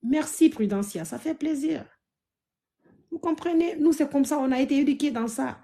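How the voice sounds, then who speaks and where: A woman from Africa hosting a live stream, talking to her viewers in an emphatic, loud and pleading way. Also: sits high, moderate pace, creaky.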